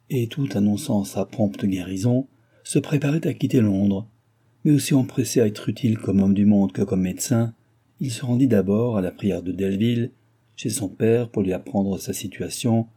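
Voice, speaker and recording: Man with a very dark, husky voice. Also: fairly low pitch. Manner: measured, even literary narration. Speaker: audiobook narrator. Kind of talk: reading a classic novel aloud.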